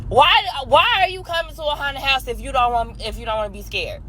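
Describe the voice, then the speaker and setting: A woman's voice: high-pitched, a little fast, bright, forceful tone, poor audio. A woman delivering an angry, profane comedic rant in an exasperated tone.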